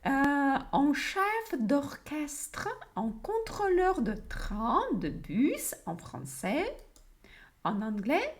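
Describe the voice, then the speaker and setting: A woman with a French accent, co-hosting a language livestream and teaching slowly and deliberately, repeating words for learners. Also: sits high, big pitch swings. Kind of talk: slow, clear teaching on a livestream.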